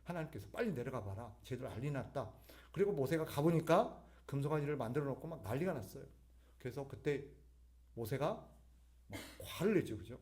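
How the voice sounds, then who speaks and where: A man's voice: medium pitch, darkish tone. A male pastor preaching a sermon at an evening church service, firing rhetorical questions at the congregation and answering them himself, with sudden emphatic rises.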